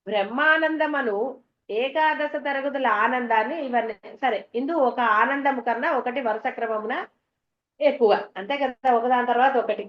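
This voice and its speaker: A woman giving a devotional discourse to an audience, chatty and full of homely stories and questions to the listeners. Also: on the high side. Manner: conversational, tells homely anecdotes, asks the audience questions. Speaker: spiritual teacher. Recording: dull, echoey hall recording.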